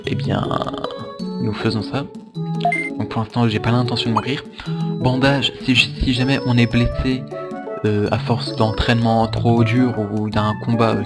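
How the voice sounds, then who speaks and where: A man's voice: fairly low pitch, vocal fry. A man casually commentating his gameplay, rambling and joking, with swearing at mistakes. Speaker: let's play host. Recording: loud game music behind.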